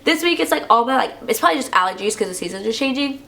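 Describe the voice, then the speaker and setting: A young woman talking straight to her viewers in a chatty, lively way, fillers and "y'all" everywhere. Her voice sits a little high and sounds stuffy and congested, with a slightly dry throat. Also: racing, gravelly. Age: young adult. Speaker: vlogger. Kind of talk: casual chat.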